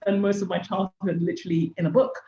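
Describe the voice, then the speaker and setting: A Nigerian business founder in her forties tells her life story candidly as a podcast guest, an earnest storyteller who keeps saying "literally." Her voice is mellow and fairly low, with little pitch movement and a quick pace. The echoey room gives the recording a dull, lo-fi sound.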